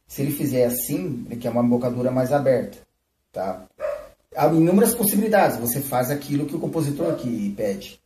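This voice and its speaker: A man's voice: mid-range voice, animated, brisk, mellow, slight background noise. A man giving a live flute lesson, explaining techniques and often checking in with "né?" and "tá?". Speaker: flute teacher. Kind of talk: live-streamed music lesson. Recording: roomy, from a distance.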